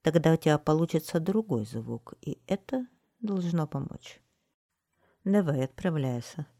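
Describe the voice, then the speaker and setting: A woman voicing a brisk, scornful thin little lady who gives orders in a storybook reading. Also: deep voice, lively intonation, mellow, no room sound, clean studio sound, heavily acted. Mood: dismissive. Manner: crisp, dismissive instructing.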